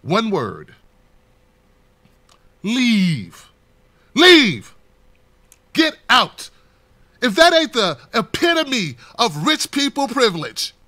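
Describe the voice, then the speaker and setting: A man giving an unscripted political commentary, talking straight to the camera, impassioned and preachy, building to near-shouts. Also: very high voice, wildly swooping pitch, takes it slowly, pauses often, no room sound.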